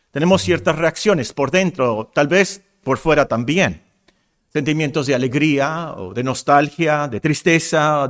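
A male pastor preaching a sermon to his congregation in an expressive way, weaving personal stories into his teaching. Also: medium pitch. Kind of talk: expository sermon. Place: church congregation.

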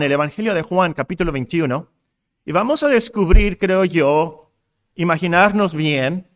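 Guy preaching in church, slightly high voice, tells personal stories as he teaches. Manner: expressive, mixes personal anecdotes into teaching. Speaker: pastor. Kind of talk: expository sermon. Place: church congregation.

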